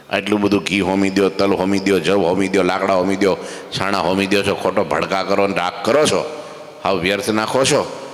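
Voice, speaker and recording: A man's voice: fairly low pitch, fairly bright tone. A man giving a devotional sermon at a temple, telling a religious story and asking his listeners rhetorical questions. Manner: rhetorical questions, lists and repetitions. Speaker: preacher giving religious discourse. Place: temple hall. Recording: long echoing hall reverb.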